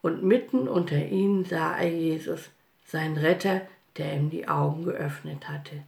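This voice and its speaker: Fields: Woman narrating a Bible story, gravelly. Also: low voice, unhurried. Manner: lively, expressive storytelling. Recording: roomy echo.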